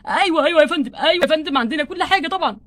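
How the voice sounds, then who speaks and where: A woman's voice: high voice, animated, rapid-fire, a bit bright. A woman with an Egyptian accent voicing a polite but impatient male restaurant waiter in a doll play. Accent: Egyptian Arabic. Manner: formal, polite address.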